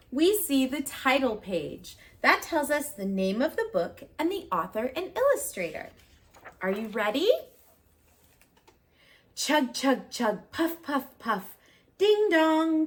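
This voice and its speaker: A woman's voice sits high as she reads a storybook aloud as a preschool teacher. Her reading is expressive, using simple phrasing aimed at children and asking questions of her young listeners.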